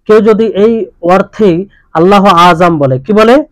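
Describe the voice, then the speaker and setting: A man's voice: high voice, a little slow, a bit bright, no echo, poor audio. A male preacher giving a religious lesson who keeps asking his listeners questions and repeating the key points. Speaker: Islamic preacher.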